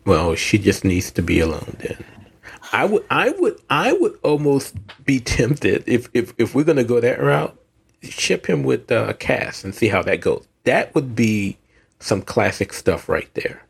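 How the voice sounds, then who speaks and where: A man with a Southern US accent, co-hosting a podcast in a rambling, animated casual chat. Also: mid-range voice, a little slow, gravelly, breathy edge. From American South. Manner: animated, rambling, with frequent restarts. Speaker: podcast co-host.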